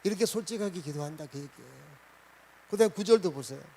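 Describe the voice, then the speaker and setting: A man preaching a Sunday sermon as pastor, asking the congregation questions and swinging between loud and soft. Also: on the high side, expressive, fast, creaky, a little hiss or hum, rough recording.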